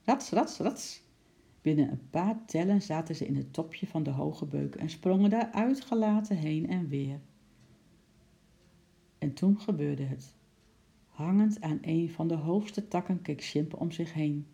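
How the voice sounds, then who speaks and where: A narrator reading a children's storybook aloud with lively, expressive storytelling. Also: mid-range voice, unhurried, vocal fry. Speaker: audiobook narrator.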